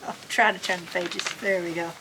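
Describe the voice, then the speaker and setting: A woman with a low-leaning, steady voice reads a children's storybook at a fairly quick clip, hosting in a folksy, playful style with casual asides. She's a farm storyteller outdoors in cold weather, and faint farm ambience and background noise can be heard.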